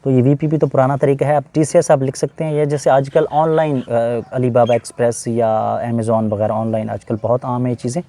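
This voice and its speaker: A man's voice: medium pitch, flat delivery, normal speed, hardly any pauses, warm tone. A man with a Pakistani Urdu accent, an English teacher patiently explaining a letter-writing lesson, switching between English phrases and Urdu explanations.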